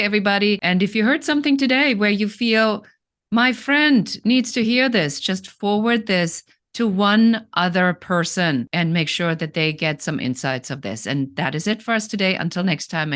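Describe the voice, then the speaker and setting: A woman's voice: medium pitch, lively intonation, moderate pace, fairly bright tone. A woman podcast host speaking conversationally, in an appreciative, encouraging manner. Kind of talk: conversational interview hosting.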